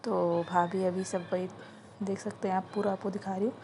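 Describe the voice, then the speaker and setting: A young woman vlogger chattily walks through the steps of a home puja ceremony, talking into her phone at an indoor gathering in casual vlog narration. Her mid-range voice has little pitch movement, a slightly fast pace, and a slightly mellow quality, with slight background noise.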